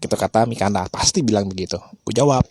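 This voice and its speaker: Male host, low husky voice, argumentative and explanatory. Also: fast talker, a little mellow, dry recording, clean studio sound. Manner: argumentative, rhetorical questions. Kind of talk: casual explanatory talk.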